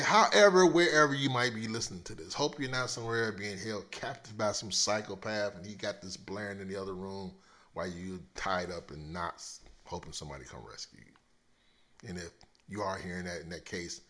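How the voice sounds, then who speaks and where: A man with a sore throat hosting a rambling solo podcast rant, profane and swinging between loud outbursts and low mutters. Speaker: podcast host.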